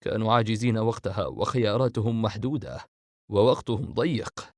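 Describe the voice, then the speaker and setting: Eldest brother, calm and low, steady authority; man doing him, dry booth read. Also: fairly quick, no echo, natural voice. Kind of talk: audiobook character reading.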